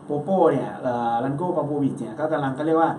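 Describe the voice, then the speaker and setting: A man hosting a football talk show, chatting casually and quickly, with lots of polite particles. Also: medium pitch, warm tone, slight background noise. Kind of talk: casual sports chat. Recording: roomy echo, distant mic, faint ambience.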